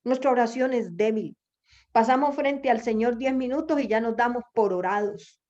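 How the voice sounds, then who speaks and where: Woman preacher, fairly high voice, urgent rhetorical questions, dull lo-fi sound. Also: normal speed, mellow. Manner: exhorting, rhetorical questions, repeats phrases for emphasis. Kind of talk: sermon. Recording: dull lo-fi recording.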